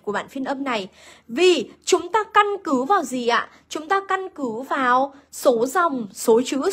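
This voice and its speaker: High-voiced woman teaching a lesson. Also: a bit bright. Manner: questions the students and answers herself, repeats key points. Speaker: literature teacher. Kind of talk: online lesson explaining a poem.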